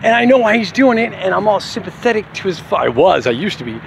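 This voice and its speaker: A middle-aged vlogger vents to camera in a rambling, profane monologue, swearing constantly and laughing now and then. His high-pitched voice is fast and very animated, with vocal fry, over a noisy background.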